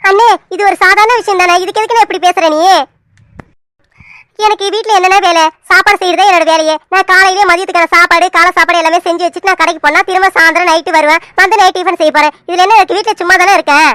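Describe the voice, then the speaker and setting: A woman's voice: very high-pitched, steady tone, quick pace, pushed and bright, no echo. A woman voicing a sensible, earnest young daughter who patiently explains herself in a cartoon serial.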